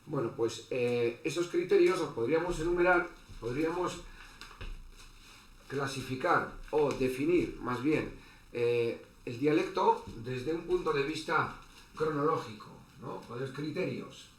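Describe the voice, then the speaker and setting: A man giving an online lecture as a teacher, halting, with many fillers and restarts. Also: fairly high pitch. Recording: echoey room with faint background noise.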